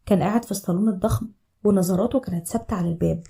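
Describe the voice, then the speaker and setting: A woman with an Egyptian accent narrating a scripted story in an even, rapid storytelling manner. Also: mid-range voice, gravelly. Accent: Egyptian Arabic.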